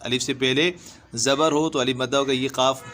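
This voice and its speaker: A man gives a patient, step-by-step reading lesson, spelling letters one at a time and stretching out long vowels. His voice sits at an ordinary middle pitch. He talks like a teacher walking a student through each line. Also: fairly even intonation, a bit bright, a little hiss or hum. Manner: spells letters slowly, then draws out the syllables. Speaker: Quran teacher. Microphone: voice-over over screen recording.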